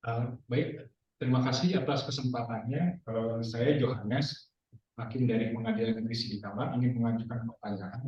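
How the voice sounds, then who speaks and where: A man's voice: medium pitch, normal speed, darkish tone. A judge asking questions politely and formally in an online training session, his voice carried by a heavy cavernous echo over a video call. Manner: polite, formal, with frequent hesitations. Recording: very echoey, distant, muffled online call audio.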